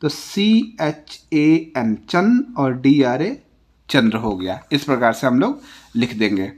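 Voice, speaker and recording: An Indian man teaching a classroom lesson, spelling words out letter by letter in a slow, patient way and dropping his voice at the end of each example. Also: medium pitch, sing-song. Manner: ends each example with a falling tone.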